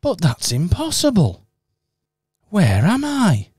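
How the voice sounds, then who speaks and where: A man's voice: sits high, huge pitch swings, takes it slowly, darkish tone, slightly rough, heavily acted. A man voicing Kong Bear, a kind and caring male talking bear, in a radio pantomime. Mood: puzzled.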